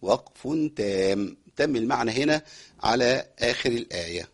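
A man with an Egyptian accent teaching Quran recitation, moving between quick explanations and slow chanted recitation. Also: medium pitch, lively intonation, creaky. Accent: Egyptian Arabic. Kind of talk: recitation lesson.

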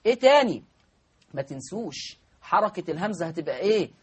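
Egyptian male teacher, high husky voice, quizzes listeners, drawls example words. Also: very animated. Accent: Egyptian Arabic. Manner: drawls example words slowly, asks the class questions. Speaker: Quran recitation teacher. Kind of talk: spoken lesson on recitation rules.

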